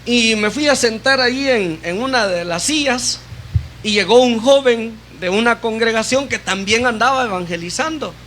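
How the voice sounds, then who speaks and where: A man's voice: very high voice, normal speed, bright, forceful tone, slight background noise. A man preaching a sermon as a deacon in a church, addressing his brothers and sisters with frequent rhetorical questions. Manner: retells a conversation, acting out both sides.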